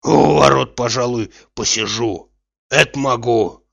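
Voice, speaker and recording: A man voicing a lazy, stubborn old male servant who grumbles slowly. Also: mid-range voice, creaky. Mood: grumbling. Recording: dull, dry recording.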